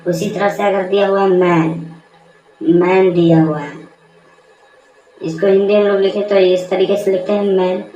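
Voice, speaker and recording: A woman's voice: medium pitch, fairly even intonation, a little slow, long pauses, dark tone, dull audio. Woman teaching grammar in an echoey room. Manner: repeats key terms, asks and answers own questions. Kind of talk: whiteboard grammar lesson. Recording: echoey room, mic far off, faint noise.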